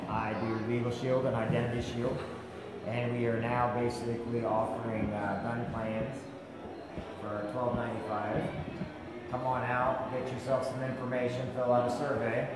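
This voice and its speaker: A man giving a chatty, promotional live walkaround at a county fair. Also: mid-range voice. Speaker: vlogger doing a live feed. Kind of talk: casual live walkaround commentary. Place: large fair barn with crowd, outdoors and indoors. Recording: echoey, reverberant with loud crowd noise. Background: loud fair crowd.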